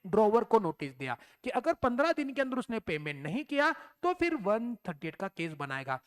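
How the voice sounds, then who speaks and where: A man's voice: sits high, big pitch swings, brisk. A male teacher giving a recorded exam-prep lecture, explaining step by step, asking and answering his own questions, and dropping in English terms.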